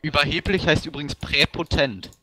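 A man's voice: on the high side, moderate pace, pushed and bright. A man hosting a let's play, joking around as he reads out dialect words to his friends. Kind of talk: casual gaming commentary.

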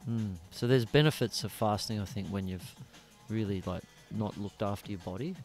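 Over soft background music, a lowish, slightly mellow voice belongs to an Australian man hosting a relaxed podcast at a moderate pace. Seated in a small, dim studio with headphones and a boom-arm studio mic, he rambles and swears without restraint.

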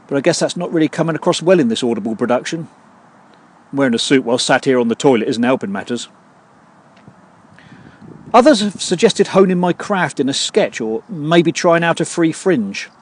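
A man hosting his own podcast, delivering a scripted comedy monologue in a dry, deadpan way full of puns. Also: medium pitch, moderate pace, husky. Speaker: podcast host.

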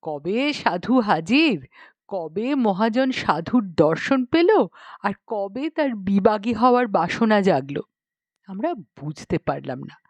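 This audiobook narrator, a woman, tells her story expressively and performs the characters' lines dramatically. Her mid-range voice has a sing-song lilt and an unhurried pace, and the recording is dry.

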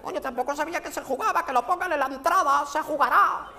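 A man voicing a panicked spectator locked in a dark theatre, shouting and swearing for someone to let him out, with a Spanish accent. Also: very high-pitched, quick pace, long reverb tail, voice pushed up, full character voice. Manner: frantic swearing, shouting for help.

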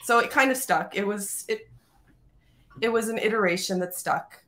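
Chatty guest from Canada, a woman with a mid-pitched voice, telling stories over a video call. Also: normal speed, fairly bright tone. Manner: chatty, storytelling, many fillers. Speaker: guest, tech editor. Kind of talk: casual chat.

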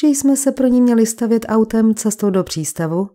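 A woman's voice: a little high, lively intonation, dark tone, lightly acted. A woman voicing a secretive young woman who earnestly explains herself in a crime audiobook.

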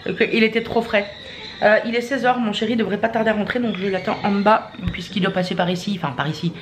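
A woman's voice: mid-range voice, fairly even intonation, quick pace, background noise. A young woman, chatting casually to camera at home in a vlog, with lots of fillers and self-mocking laughs. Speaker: vlogger. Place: at home, indoors. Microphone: camera mic, handheld and held by partner.

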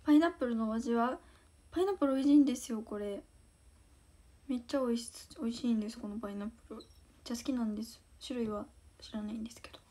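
A woman's voice: fairly high pitch, very fast, mellow. A teenage girl from Osaka with a Kansai accent, bashful and giggly, chatting casually on a livestream as she reads fan comments and thanks fans. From Osaka, Japan. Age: teens. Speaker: idol livestream host.

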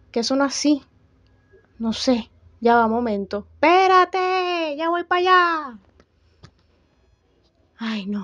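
A woman's voice: fairly high pitch, no room sound, close to an everyday voice. Woman as Yajaira, a grumbling, fed-up Venezuelan. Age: young adult. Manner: exasperated, complaining, sharp-tongued. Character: fed-up young woman, grumbling, short-tempered. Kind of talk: comedic student film acting. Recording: dull, dry, lo-fi.

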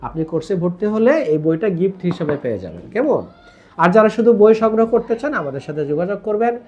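A man's voice: high-pitched, sing-song, fast talker, darkish tone, highs cut off. A man teaching tajweed, patiently explaining rules and demonstrating Arabic pronunciation by drawing out the vowels, with English words mixed in. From Bangladesh. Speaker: online Quran teacher.

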